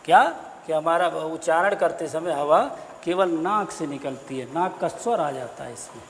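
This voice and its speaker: A male Hindi teacher giving a slow, deliberate grammar lesson, spelling sounds out one at a time. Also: on the high side, in a large hall, slight background noise. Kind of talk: classroom-style explanatory lesson.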